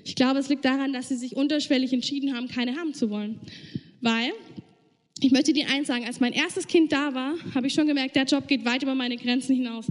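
A woman's voice: high voice, steady tone, a little fast, big-room sound. A woman preaching a sermon, speaking earnestly and directly to her listeners.

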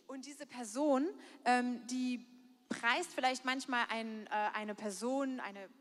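Woman translating a preacher live, high voice, stops and searches, church echo. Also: fairly even intonation, slow pace. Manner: earnest, hesitant with fillers. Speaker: interpreter. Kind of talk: live sermon interpretation. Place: church hall. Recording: long hall reverb.

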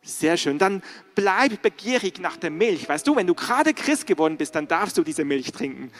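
A middle-aged man preaching a sermon as pastor, earnestly putting direct questions to the congregation. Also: on the high side.

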